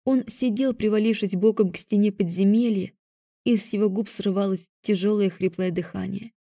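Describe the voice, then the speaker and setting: Calm woman reading an audiobook. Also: medium pitch, moderate pace, dry recording, clean studio sound. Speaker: audiobook narrator. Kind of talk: scripted first-person audiobook narration.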